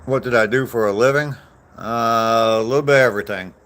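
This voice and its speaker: This vlogger, a man in his sixties, chats casually on a walk outdoors, reading live chat and replying to viewers in a self-deprecating, meandering ramble. His medium-pitched voice is fairly bright, and he talks a little fast.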